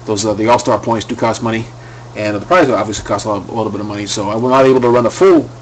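A man's voice: lowish voice, steady tone, very fast, slight background noise, low-quality recording. A man hosting a live card break at his home desk, talking casually and rambling with fillers and restarts.

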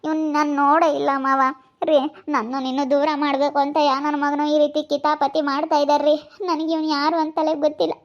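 Woman doing a crying young wife, high and flat, whiny and pleading, muffled lo-fi sound. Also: lightly acted. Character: tearful young wife accused of wrongdoing. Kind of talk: village family drama acting. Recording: dull lo-fi recording.

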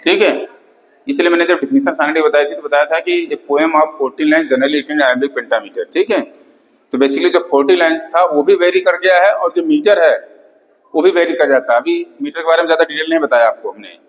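A male English literature lecturer with a fairly high voice speaks fairly quickly in a reverberant classroom with a board. His lecture mixes Hindi and English, and he repeats key terms and checks in often with "theek hai".

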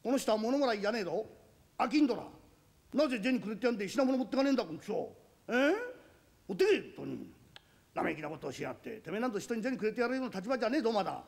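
Rough-tongued Edo uncle, gravelly and high, a man voicing him, rakugo style. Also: animated, rapid-fire, darkish tone. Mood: scolding. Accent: Edo Tokyo. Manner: rough scolding, then fatherly advice. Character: gruff kindly Edo uncle, middle-aged man. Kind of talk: rakugo storytelling.

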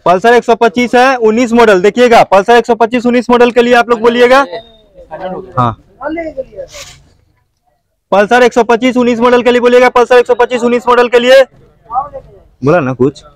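Brisk and extremely high-pitched, a man runs a motorbike auction in the open, repeating bid calls and chanting figures while pausing often. Parked motorbikes fill the lot where he works.

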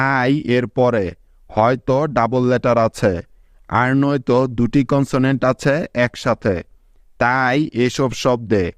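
A man teaching English reading in a measured, scripted narration, counting off each rule and reading out lists of example words. His voice is smooth and clean at a middle pitch. The recording is dry and close, with no room sound. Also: dry recording.

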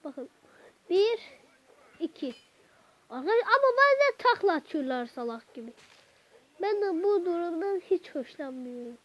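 A woman hosting a gaming channel, chatting to her viewers while she plays, with sudden excited outbursts at the game. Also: very high voice, moderate pace, long pauses. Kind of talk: let's-play gameplay commentary. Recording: dull lo-fi recording.

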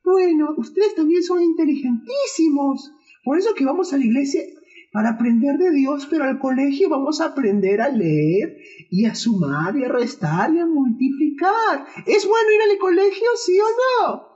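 A woman's voice: high-pitched, animated, normal speed, dark tone. A woman voicing a cheerful boy puppet who teaches children at church, playful and leading call-and-response. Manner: playful, laughs at own jokes, call-and-response. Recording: dull lo-fi recording.

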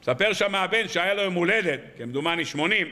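A man's voice: sits high, expressive, bright, forceful tone, big-room sound. A man, a rabbi, giving a storytelling sermon on the weekly Torah portion, firing off rhetorical questions and anecdotes. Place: evening lecture hall.

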